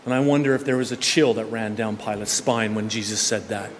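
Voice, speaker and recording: A male pastor preaching a sermon in a church, conversational in tone, swinging between loud emphatic lines and hushed quiet ones. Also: lowish voice, a little fast. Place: church sanctuary. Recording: long church reverb with faint room noise.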